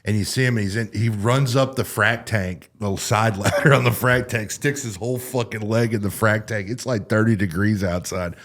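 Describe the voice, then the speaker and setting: Rowdy low-voiced male podcast host. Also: moderate pace, hardly any pauses, a bit bright. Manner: rowdy storyteller, swears freely. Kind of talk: casual chat.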